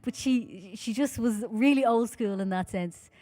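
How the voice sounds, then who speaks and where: A woman in her thirties from Dublin with a Dublin Irish accent, chatting playfully with the audience between songs at a live concert, speaking into a stand mic on a dark stage. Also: a little high, a little slow. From Dublin, Ireland. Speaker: folk singer and bandleader. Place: dark stage in a hall, indoors. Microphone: vocal mic on a stand. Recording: live stream with loud band music.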